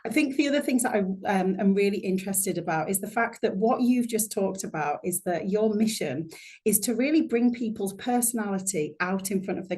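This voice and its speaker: A woman's voice: medium pitch, darkish tone. A woman hosting a podcast interview, chatty and effusive, introducing her guest with many restarts. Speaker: podcast host.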